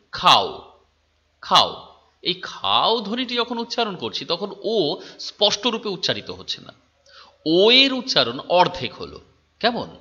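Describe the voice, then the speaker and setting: A man's voice: a little high, pushed and bright, dull audio. A male teacher giving a lecture, repeating key terms, checking with his students and drawing out sounds to demonstrate them. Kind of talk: phonetics lecture.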